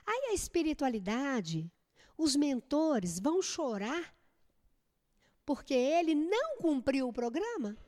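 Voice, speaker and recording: A woman's voice: sits high, very animated, slow pace, a little mellow, big-room sound. A woman with a Brazilian Portuguese accent teaching a spiritist study group, asking rhetorical questions and checking that the class follows.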